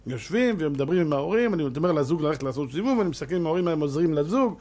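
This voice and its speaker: A man giving a sermon as a rabbi, telling stories and acting out both sides of the dialogue. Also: fairly high pitch. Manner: animated storyteller who acts out dialogue, often laughing.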